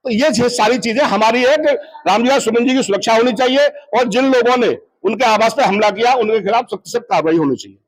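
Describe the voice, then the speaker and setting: A man, a party worker, answering reporters in a measured, defensive way. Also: very high-pitched, low-quality recording. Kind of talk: press statement to reporters.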